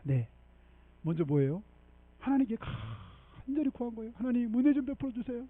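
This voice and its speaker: A man preaching a sermon as pastor, animated and emphatic, often checking in with the congregation and leading them in reading scripture. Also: very high voice, moderate pace, no echo, phone-quality sound. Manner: animated preaching with frequent rhetorical 'eung?' checks. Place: church sanctuary.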